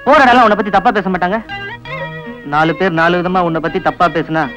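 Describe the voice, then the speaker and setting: A man's voice: sits high, fast, muffled recording, over music, close to an everyday voice. An actor playing a young village man who oversees the field workers, scolding and then tender with his cousin. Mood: tender, pleading. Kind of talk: TV drama acting.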